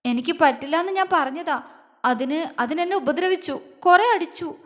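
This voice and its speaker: A woman's voice: sits high, normal speed, a bit bright. A woman doing a tearful scheming woman. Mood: tearful pleading. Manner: weak, faltering, tearful pleading.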